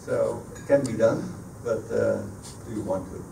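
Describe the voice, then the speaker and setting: Speaking a little slowly in a low, gravelly voice, a middle-aged Dutch sailor fields questions from the audience at a sailing club talk where he is the guest speaker. A camera on the far side of the echoey meeting room records his handheld PA mic, leaving the audio distant and noisy.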